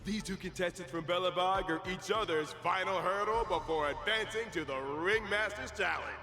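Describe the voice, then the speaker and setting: A man voicing an excitable, theatrical tournament announcer in a video game, drawing out big announcements. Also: high-pitched, normal speed, music in the background. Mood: commenting. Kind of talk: video game arena commentary. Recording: big reverberant arena effect.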